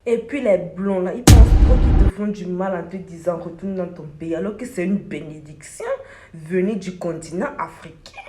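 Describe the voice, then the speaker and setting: A young beauty vlogger talks to the camera while doing her makeup, telling her story in an emphatic, repetitive way. Her voice is fairly low at a normal pace, and the recording has background noise in an echoey room.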